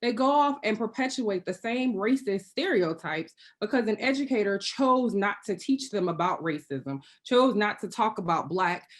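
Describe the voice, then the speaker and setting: A woman's voice: medium pitch, lively intonation, moderate pace, few pauses. Earnest woman panelist on a video call. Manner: earnest, pointed, with wry asides. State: occasionally choking and clearing throat. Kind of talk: prepared remarks on a video panel.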